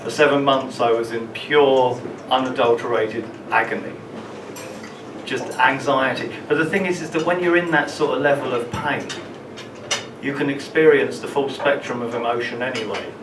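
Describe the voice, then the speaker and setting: A man telling a personal story at an open mic, halting and often repeating words as he goes. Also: medium pitch. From London, England. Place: small open mic venue in a room. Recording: roomy, distant, with room ambience noise.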